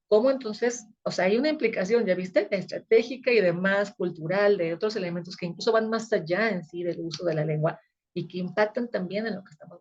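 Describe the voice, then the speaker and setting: A woman's voice: mid-range voice, lo-fi sound. A woman, teaching a recorded video lecture in a conversational way that often checks her listeners are following. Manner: conversational, frequent checking tags.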